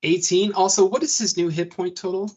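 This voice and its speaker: A man's voice: sits high, fairly even intonation, brisk, darkish tone, slight background noise. A man acting as game master of a tabletop game, talking casually and correcting himself as he goes. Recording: dull lo-fi audio.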